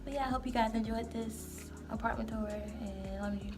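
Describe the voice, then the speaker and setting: A woman's voice: on the high side, fairly even intonation, moderate pace. A woman of twenty giving a casual, rambling vlog tour, full of "like" and "you know". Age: 20s. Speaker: vlogger. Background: background music.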